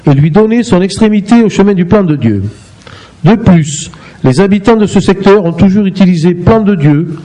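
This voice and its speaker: A man on a town council reading a formal motion aloud, in a steady and formal manner. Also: high-pitched, rough recording. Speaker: council member reporting a motion.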